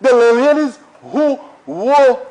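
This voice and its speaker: A man's voice: extremely high pitch, big pitch swings, slow pace, a little mellow, poor audio. A Saint Lucian man giving an impassioned, repetitive parliamentary speech, full of rhetorical questions, in a parliament chamber. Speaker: member of parliament.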